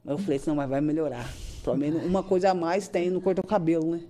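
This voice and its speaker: A woman tells an emotional religious testimony. Her voice is mellow and a touch dark. She talks earnestly and acts out her own prayers as she goes. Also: low-pitched, steady tone, very fast. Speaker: guest giving a church testimony.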